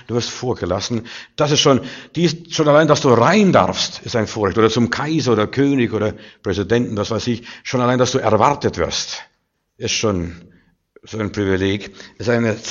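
A man preaching a sermon with passion, swinging from hushed lines to loud outbursts. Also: medium pitch, lo-fi sound.

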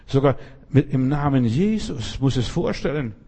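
A man with a husky, mid-range voice preaches a conversational sermon at normal speed, speaking directly to one listener and often asking "weißt du." He tells stories in an animated way, acting out the voices he quotes.

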